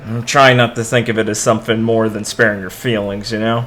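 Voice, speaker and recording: A man's voice: on the low side, flat delivery, a little fast, fairly bright tone, slight background noise, lightly acted. A man voicing a young woman who leads her crew, speaking in character in his own voice, thoughtful and a little wry. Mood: reflective.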